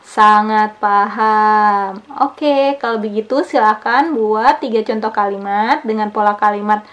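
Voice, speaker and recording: A woman's voice: fairly high pitch, fairly bright tone. A young woman teaching a language lesson online, explaining patiently in a casual, chatty way.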